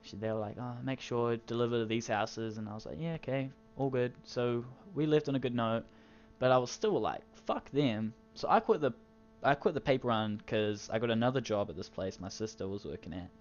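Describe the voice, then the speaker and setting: A man's voice: medium pitch, fairly quick. A teenage man casually telling a crude, rambling story, swearing constantly. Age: teens. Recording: dull lo-fi recording with faint music.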